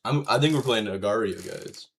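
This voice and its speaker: A man hosting a casual gaming livestream in hyped gamer-bro talk full of swearing and slang, with a slightly husky voice. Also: fairly low pitch, brisk, fairly bright tone, slight background noise. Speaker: live streamer hosting a game stream.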